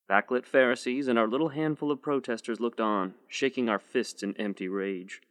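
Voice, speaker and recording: A man narrating a short story in a steady, measured first-person reading. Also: fairly low pitch, dry recording. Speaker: audiobook narrator.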